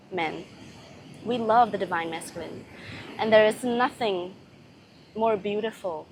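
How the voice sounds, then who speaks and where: A woman voicing a serene, loving goddess in a channelled spiritual message, speaking solemnly with long pauses between short phrases. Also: mid-range voice, a little hiss or hum. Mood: loving, reverent.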